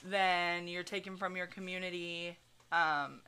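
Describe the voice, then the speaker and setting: A woman's voice: fairly low pitch, fairly even intonation, measured pace, pushed and bright, a little hiss or hum. A woman hosting a podcast, telling a true crime story in casual chat, full of fillers and swearing. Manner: chatty, many fillers like "like", swears freely. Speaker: podcast host.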